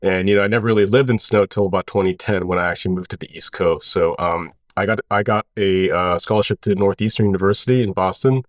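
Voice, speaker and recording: A man in his thirties from Hawaii, a brand founder, who tells his story casually in a relaxed, rambling way and fills it with "you know". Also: low-pitched, fast talker, few pauses, dull audio. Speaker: founder of a clothing brand, guest.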